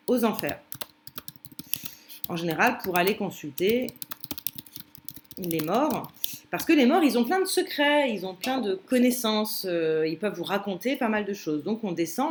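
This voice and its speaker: A woman's voice: mid-range voice, a little hiss or hum. Woman teacher, casual lecture style, explains with hesitant fillers and restarts. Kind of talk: commented translation lesson.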